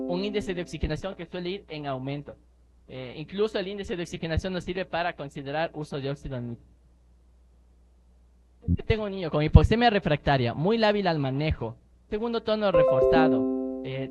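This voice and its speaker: Emphatic high-voiced man giving a medical lecture. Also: darkish tone. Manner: explanatory, emphatic, rhetorical questions. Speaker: neonatology lecturer. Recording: slightly dull lecture recording with faint noise.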